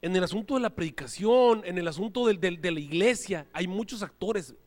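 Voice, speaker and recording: A man preaching a sermon, animated, acting out little scenes and voices as he goes. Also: sits high, brisk. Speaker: pastor. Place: church hall. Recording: live church hall reverb.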